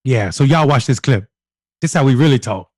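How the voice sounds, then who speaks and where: Casting: mid-pitched male host, loose joking profane banter, dry close mic. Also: animated, normal speed, a little mellow, dry recording. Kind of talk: casual political chat.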